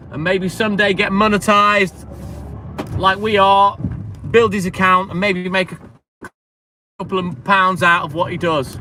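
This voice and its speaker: Man, live-stream chatter, high voice, slangy, upbeat, faint traffic behind. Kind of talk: casual live-stream chat.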